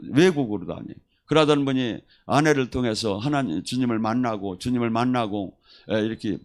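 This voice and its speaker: Animated male preacher telling stories. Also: lowish voice. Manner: animated storyteller who acts out quoted voices. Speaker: pastor. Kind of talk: sermon with testimony stories.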